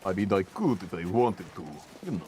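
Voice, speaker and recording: A man's voice: deep voice, animated, brisk, dark tone, a little hiss or hum. A man streaming and casually commenting on gameplay in a rambling, playful way.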